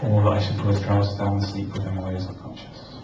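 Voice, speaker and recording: Man telling deadpan jokes in a club. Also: sits low, rapid-fire, over loud music. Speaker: stand-up comedian. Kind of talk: stand-up at an open mic. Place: small comedy club. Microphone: camcorder at the back of the room. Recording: echoey, dull, noisy camcorder recording from far off.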